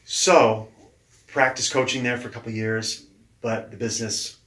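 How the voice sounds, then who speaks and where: A man in his forties, a guest leadership coach, telling stories from his life in casual conversation with an animated, mildly profane manner. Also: medium pitch, moderate pace, a little hiss or hum. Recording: echoey room.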